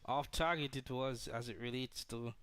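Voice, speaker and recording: A man working as co-commentator on a live cricket match, explaining plays in a measured way and murmuring agreement. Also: mid-range voice, fairly bright tone, clean tone. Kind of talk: live sports commentary analysis.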